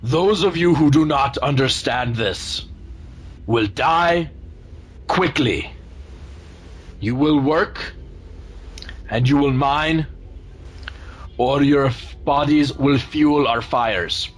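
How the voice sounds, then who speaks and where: A man voicing a huge fire giant slave master in a tabletop game, proclaiming slowly and commandingly. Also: slightly rough. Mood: menacing command. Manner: booming, slow, commanding proclamation. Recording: noisy room recording.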